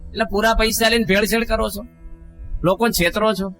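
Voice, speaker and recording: A monk in middle age delivers a storytelling sermon. His voice sits fairly high and rings bright. He swings between raised and lowered tones as he acts out quotes, with soft music behind him. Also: steady tone, brisk. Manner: storytelling, acting out quotes, rises and drops in voice. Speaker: monk giving a religious discourse. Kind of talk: sermon with anecdotes.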